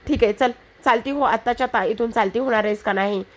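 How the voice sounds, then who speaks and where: A woman's voice: a little high, fast talker, slight background noise, lightly acted. Lady playing a bossy older woman, harsh and scolding.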